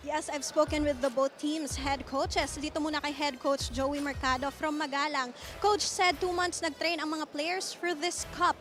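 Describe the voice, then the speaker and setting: Bright, high-pitched Filipina courtside reporter. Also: female voice, steady tone, moderate pace, few pauses, faint music behind. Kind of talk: pregame sports report in Taglish.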